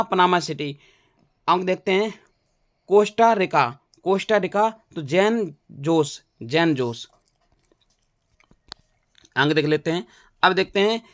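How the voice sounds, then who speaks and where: A man's voice: high-pitched, no echo, studio quality. A male teacher giving an exam-prep general knowledge lesson, repeating names and making playful wordplay memory tricks.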